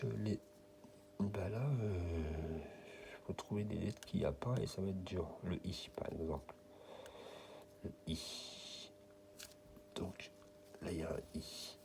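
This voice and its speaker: A man's voice: low voice, vocal fry, noisy background. A French man giving casual running commentary, muttering and half-whispering letters as he checks a card. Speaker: scratch-card vlogger.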